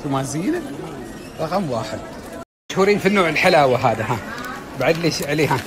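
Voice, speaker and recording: Animated, high-voiced Gulf Arabic man vlogging. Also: quick pace, a crowd in the background, noisy background. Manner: chatty, teasing and animated. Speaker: travel vlogger. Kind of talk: casual vlog narration.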